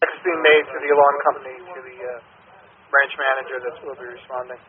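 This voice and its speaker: A man's voice: mid-range voice, level tone, fairly quick, a crowd in the background. A man working as a fire dispatcher, relaying procedural updates over a two-way radio. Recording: tinny narrow-band radio line.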